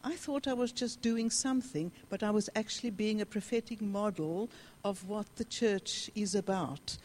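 A woman, a travelling church speaker, giving an energetic and rousing conference talk. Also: mid-range voice, normal speed. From South Africa.

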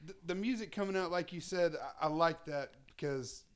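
A man's voice: fairly high pitch, a little fast, clean tone. A man in his thirties hosting a podcast, chatting in an informal, agreeable way with his guest. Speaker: podcast host. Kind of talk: casual interview chat.

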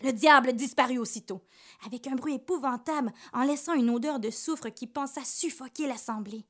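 A woman reading a folk tale aloud with expressive storytelling. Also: high-pitched, moderate pace. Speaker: narrator.

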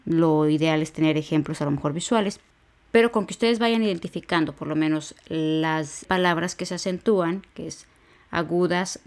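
A woman's voice: fairly low pitch, a little mellow. A woman hosting an educational podcast, giving a spoken grammar lesson and breaking words down syllable by syllable. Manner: slow, syllable-by-syllable spelling out of words. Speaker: podcast teacher for exam preparation.

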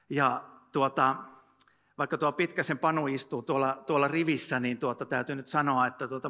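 A man's voice: medium pitch, pushed and bright. A man preaching a sermon in a church, reading scripture and then speaking casually with joking asides and many fillers. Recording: long church reverb.

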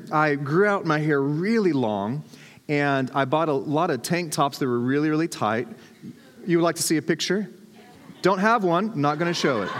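Male pastor, light humorous storyteller, slightly high voice, reverberant sanctuary. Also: a bit bright. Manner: storytelling, self-deprecating humor. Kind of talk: sermon. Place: church sanctuary. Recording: long hall reverb.

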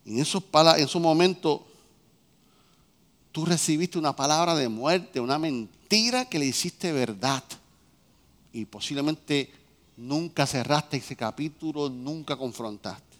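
A man preaching a sermon as a pastor, swinging between loud, fervent peaks and quiet, low lines. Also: animated, measured pace, long reverb tail.

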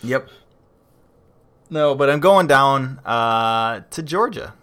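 A man of ordinary pitch co-hosting a podcast in easygoing conversation. He rambles a little, restarting sentences and dropping in fillers as he thinks aloud. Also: expressive, takes it slowly, fairly bright tone, clear, resonant tone. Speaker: podcast co-host. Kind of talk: casual chat.

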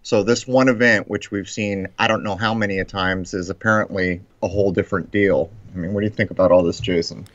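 An American man hosting a casual live-stream commentary, phrasing his thoughts in a deliberate, hesitant way over muffled call audio. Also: sits low, fairly even intonation, fairly bright tone. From United States.

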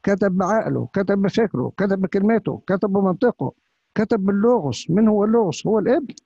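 A man with an Upper Egyptian Arabic accent preaches a sermon as a priest, pressing his listeners with one rhetorical question after another. His voice sits a little high and sounds husky and breathy. The recording is dull and lo-fi, with a dry, close sound. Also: lively intonation, fast, mellow, dry recording.

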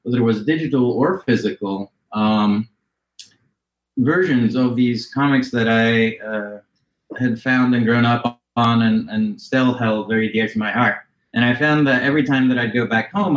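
A man from Norway talks as a podcast guest, thinking aloud and circling back with lots of ums. His voice sits in a middle pitch. The recording has a roomy echo around it. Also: moderate pace, lo-fi sound. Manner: thoughtful, rambling, with many fillers. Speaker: podcast guest, company co-founder. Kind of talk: casual interview.

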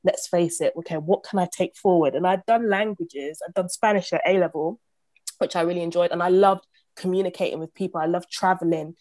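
Her voice sits on the low side in this casual podcast chat, where the thirty-something property investor, born in Uganda and raised in Southeast London, is animated and quick to laugh. She restarts often, and the recording is close, dry and echo-free.

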